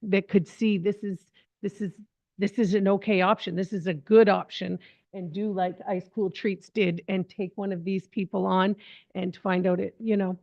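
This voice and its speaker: A woman's voice: medium pitch, little pitch movement, normal speed, creaky, a little mellow. A woman on a town council speaking casually in support of a motion, repeating and restarting her phrases. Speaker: council member. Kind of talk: informal remarks in a meeting. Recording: dull lo-fi council mic.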